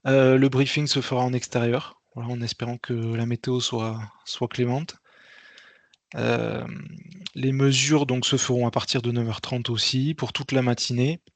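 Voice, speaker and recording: In a mid-range, level tone, an event organizer talks through an informal meeting briefing. He stumbles and hesitates, repeating words frequently, and there is no echo on the recording.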